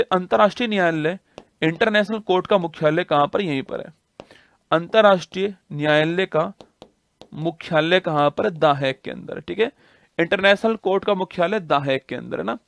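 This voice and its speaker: A high-pitched, creaky, fairly bright male voice, captured with no echo, leads an online exam-prep geography class. His style is repetitive drilling: he poses questions, answers them himself, and hammers the key facts repeatedly.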